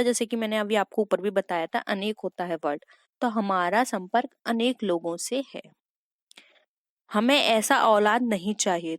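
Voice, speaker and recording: A woman teaching grammar for an entrance exam in a chatty way. She reads each sentence slowly and then explains it, and keeps calling her viewers "friends". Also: fairly high pitch, no room sound, clean studio sound. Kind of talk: exam-prep lesson.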